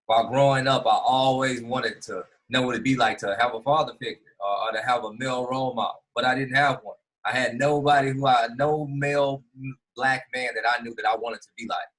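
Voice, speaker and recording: A man's voice: medium pitch, steady tone, brisk, a bit bright, rough recording. A middle-aged man from Houston, giving an earnest motivational keynote speech with frequent fillers and restarts. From Houston, Texas. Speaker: keynote speaker.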